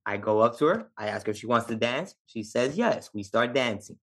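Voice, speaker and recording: A man with a New York Puerto Rican accent, a Navy veteran telling stories as a podcast guest, lively and laughing often. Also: medium pitch, brisk, breathy edge. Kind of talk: casual storytelling.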